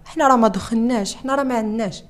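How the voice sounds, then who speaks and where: A young adult woman with a Moroccan Arabic accent gives an emotional personal testimony as an interviewee, her voice a little high and rapid-fire. Distressed, she repeats herself and keeps restarting sentences.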